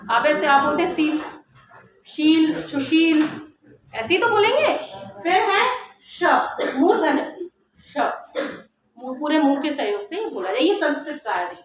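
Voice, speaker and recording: Woman teacher, high voice, classroom lesson, demonstrates sounds slowly, very echoey room. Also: a bit bright. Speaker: Hindi teacher. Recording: very echoey classroom with faint noise.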